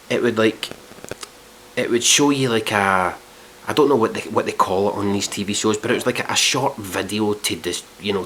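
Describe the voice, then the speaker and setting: A man's voice: on the low side, bright, forceful tone, a little hiss or hum. A man ranting in a casual review video, exasperated and swearing a lot. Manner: exasperated, heavily profane, mock-outraged.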